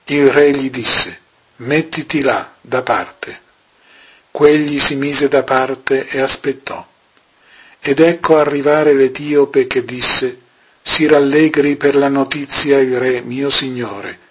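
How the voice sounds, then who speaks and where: A man reads scripture aloud at an unhurried pace, leaving long pauses between phrases. His voice is husky and breathy and sits at an ordinary male pitch. The delivery stays measured and solemn throughout. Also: fairly even intonation, fairly bright tone. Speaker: scripture reader. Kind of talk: slow scripture reading.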